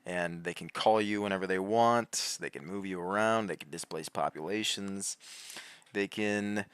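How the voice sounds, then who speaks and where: A man giving heated, rambling commentary, laughing often and swinging between loud outbursts and low muttering. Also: moderate pace, clear, resonant tone, no room sound. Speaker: commentary host. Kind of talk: animated conspiracy commentary.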